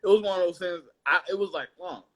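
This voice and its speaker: A man's voice: high-pitched, fast, fairly bright tone. A man hosting an interview podcast, talking casually and earnestly with his guest. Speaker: podcast host.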